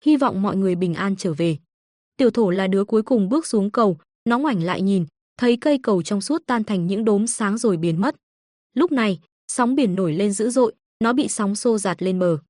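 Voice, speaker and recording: A woman reading an audiobook story in a steady scripted narration. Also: medium pitch, brisk, dry recording, studio quality.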